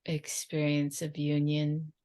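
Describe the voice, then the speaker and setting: Woman, trance channelling medium, low-pitched, narrow intonation, drifting phrases, long silences, creaky. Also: completely flat delivery, takes it slowly, warm tone.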